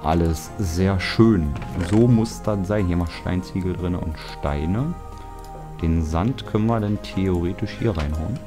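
A young man from Germany talks his way through a building game in an easygoing, rambling voice. His pitch sits very low, and he mutters jokey complaints to himself. Music plays clearly under his voice-over. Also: measured pace. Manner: chatty, self-mocking, grumbling asides. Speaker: let's play host. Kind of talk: casual gameplay commentary.

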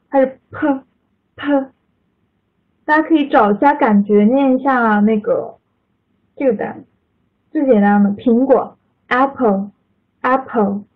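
High-voiced woman teaching over a tinny line. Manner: patient, corrective, calls on students by name. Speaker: English pronunciation teacher. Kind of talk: online pronunciation class. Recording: tinny online call audio.

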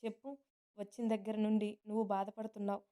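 A woman narrator voicing a caring, protective young man who speaks gently and reassuringly. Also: medium pitch, little pitch movement, quick pace, clean tone, natural voice. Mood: tender.

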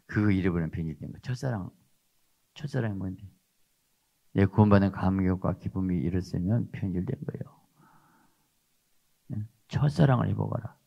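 An older man preaching with emphasis, pressing his points with questions to the congregation. His voice is low and gravelly. The recording sounds dull and lo-fi. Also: moderate pace, long pauses. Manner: emphatic, repeats rhetorical "어?" tags. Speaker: pastor. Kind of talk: sermon.

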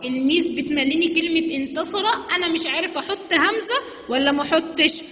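A woman teacher with an Egyptian accent explains a grammar lesson and stretches and repeats words slowly to demonstrate them. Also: very high-pitched, fairly bright tone. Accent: Egyptian Arabic. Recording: long reverb, roomy sound.

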